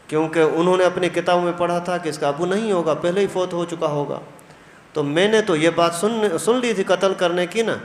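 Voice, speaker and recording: A male religious teacher giving a storytelling lesson in a mosque, acting out the dialogue. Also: sits high. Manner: animated storytelling, acts out dialogue. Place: mosque hall. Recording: echoey hall, faint noise.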